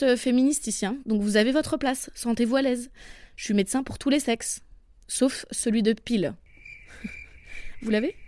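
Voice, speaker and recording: A woman's voice: a little high, darkish tone, no echo, studio quality. A young woman comedian hosting her podcast, narrating with wry, joking asides.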